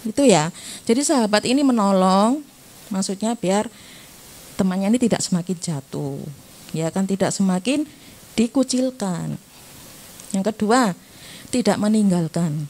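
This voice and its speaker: A woman's voice: medium pitch, lively intonation, measured pace, pauses often, darkish tone. A middle-aged woman, giving a church youth talk in a chatty way, asking her listeners questions and ending lines with a tag "ya".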